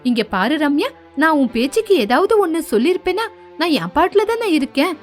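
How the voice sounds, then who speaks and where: A woman voicing a patient, put-upon young wife in an animated story, pleading and reasonable. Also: high-pitched, a little fast, soft background music.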